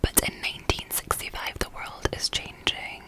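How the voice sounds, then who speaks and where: As an ASMR host, a woman chats and reads about books in a soft, unvoiced whisper. She is unhurried and informal.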